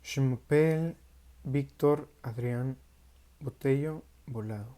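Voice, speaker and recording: A teenage boy from Mexico with a dark-toned, mid-range voice reads a prepared presentation for class. A native Spanish speaker with a Mexican Spanish accent, this high school student goes carefully and haltingly, like a learner.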